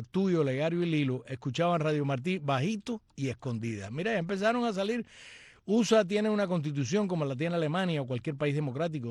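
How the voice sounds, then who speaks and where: Chatty host reading comments. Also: male voice, a little high, darkish tone, no echo, clean studio sound. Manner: chatty, joking asides and greetings. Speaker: radio and live-stream host.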